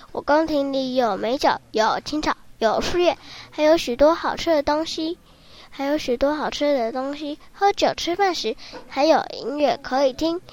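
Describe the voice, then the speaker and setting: Give me a composed, courteous sheep king from a storybook, as a woman puts him on, high voice. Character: wise brave male sheep king. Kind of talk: children's storybook reading.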